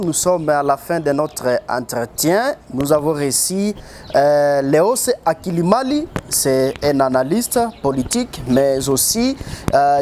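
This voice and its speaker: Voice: mid-range voice, a little hiss or hum. An interviewer, closing the talk and naming the guest. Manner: brief backchannel, lively sign-off. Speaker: interviewer host. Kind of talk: interview hosting.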